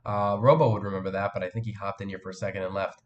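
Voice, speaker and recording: A man's voice: low-pitched, steady tone, racing, muffled recording. A teenage boy with a cold, hosting a live stream and chatting casually with viewers, rambling with many fillers and restarts. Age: teens. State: has a cold, voice cracks.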